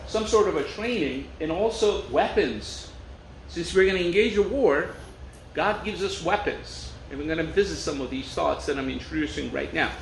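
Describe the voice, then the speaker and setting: Turkish-born guy preaching, kinda high voice, chatty, echoey room w faint hiss. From Turkey. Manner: conversational, storytelling with rhetorical questions. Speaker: pastor. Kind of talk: sermon.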